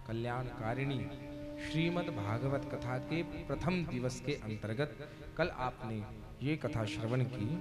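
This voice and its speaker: A male Bhagavata katha preacher giving a devotional sermon to a seated audience, jovial and teasing as he commands them to chant and sit still. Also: medium pitch. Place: religious gathering before a seated audience. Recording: live recording with loud devotional music.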